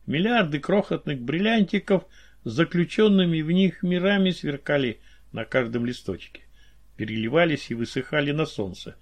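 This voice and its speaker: A man narrates an audiobook in a calm, descriptive reading. His voice sits somewhat high for a man. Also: moderate pace. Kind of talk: scripted narration.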